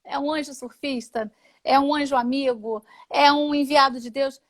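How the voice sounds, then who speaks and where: A woman with a Brazilian Portuguese accent and a high voice tells a heartfelt personal testimony. She speaks as a guest in an interview, animated and expressive, and slips into the voices of the people in her story. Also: moderate pace.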